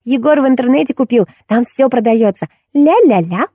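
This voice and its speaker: A woman's voice: fairly high pitch, animated, a little fast, warm tone, no room sound, clean studio sound, voice pushed up. A woman reading an audiobook, voicing a cheerful little girl.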